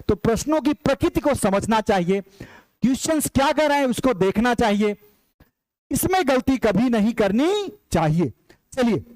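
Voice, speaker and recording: A man's voice: very high voice, darkish tone, no room sound, low-quality recording. A man teaching an exam-prep lecture, emphatic and repetitive, calling his viewers brothers as he drills key points. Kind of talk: online lecture.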